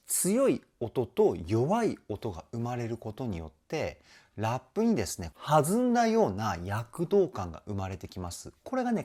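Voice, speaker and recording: A man's voice: medium pitch, a little mellow. A male vocal trainer hosting his channel, enthusiastically explaining singing technique while reacting to a music video. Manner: enthusiastic, explanatory, sings short demo phrases. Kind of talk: reaction and vocal analysis commentary.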